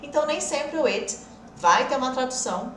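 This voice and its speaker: A woman's voice: high-pitched, expressive, moderate pace, reverberant, distant mic, slight background noise. A woman teaching an English lesson on a live stream, explaining patiently, answering viewer comments and laughing often.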